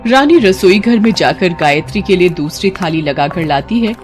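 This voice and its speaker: A woman narrating a cartoon story in a plain, steady way. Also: on the low side, moderate pace, faint music behind.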